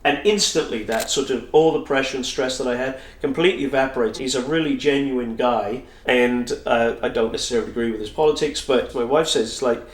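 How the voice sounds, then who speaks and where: A man's voice: mid-range voice, brisk, hardly any pauses, roomy sound, far from the mic. Chatty British man telling anecdotes. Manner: chatty, anecdotal, frequent restarts. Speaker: photographer guest. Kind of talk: casual interview storytelling.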